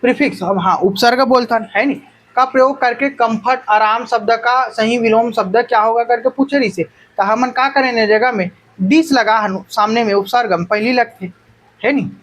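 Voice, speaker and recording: A woman's voice: fairly high pitch, moderate pace, poor audio. A woman teacher with a Chhattisgarhi accent giving an online exam-prep class, who keeps coaxing students to call out their answers.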